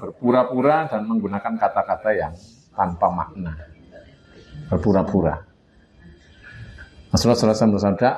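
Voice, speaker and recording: A man's voice: low voice, warm tone. A man with a Javanese accent giving a casual religious lesson to a study group, often chuckling and acting out everyday dialogue. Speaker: religious teacher. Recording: dull lo-fi recording with faint hiss.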